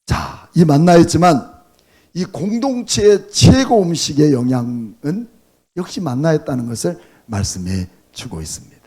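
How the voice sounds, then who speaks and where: A middle-aged male pastor preaching a sermon. He fires rhetorical questions at the congregation, swinging between loud bursts and quiet drops. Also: a little high, big pitch swings, unhurried, husky.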